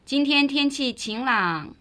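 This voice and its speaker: High, bright woman giving lesson answers. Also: animated, measured pace. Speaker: Chinese lesson reader. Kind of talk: scripted language lesson dialogue.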